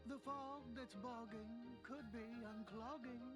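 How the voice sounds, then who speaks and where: A man's voice: extremely high pitch, fairly even intonation, unhurried. A man voicing a sly, teasing cartoon cat in a video game, drawling riddles in a sing-song way. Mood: teasing, riddling. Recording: music behind the voice.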